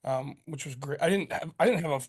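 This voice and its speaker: A man's voice: on the high side, fast, breathy edge. A man co-hosting a casual podcast, rambling as he explains investment numbers, with the odd swear. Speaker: podcast co-host.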